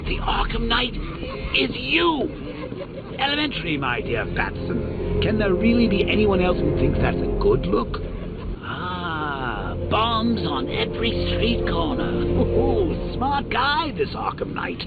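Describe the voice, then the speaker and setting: A sadistic, gleeful American clown villain from a video game. His gravelly voice swoops wildly between sinister murmurs and mocking cries. The sound is tinny and narrow, with loud music playing behind him. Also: sits high, wildly swooping pitch, slow pace, exaggerated voice. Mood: gleeful mockery. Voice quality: gravelly, cackling. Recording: tinny band-limited game audio under loud music.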